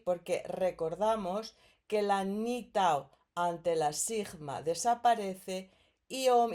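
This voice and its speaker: Slow, patient Spanish teacher woman. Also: medium pitch, warm tone. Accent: Spain. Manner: patient, explains step by step with checking "¿eh?". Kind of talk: recorded grammar lesson.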